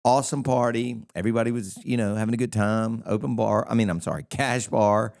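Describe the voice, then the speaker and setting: A man with a fairly low voice chats casually on a podcast. He tells rambling, animated stories, full of restarts and asides. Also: brisk, gravelly. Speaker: podcast co-host, DJ. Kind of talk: casual chat.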